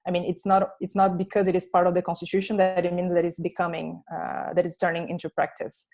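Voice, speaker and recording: A woman researcher answering questions on a video call, thoughtful and pausing often with filler sounds. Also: fairly low pitch, monotone, darkish tone. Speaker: researcher presenting findings. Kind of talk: online panel answers.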